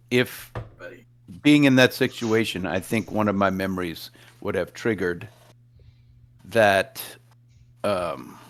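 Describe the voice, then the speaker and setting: A man playing a tabletop game, talking casually but earnestly about his character. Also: deep voice.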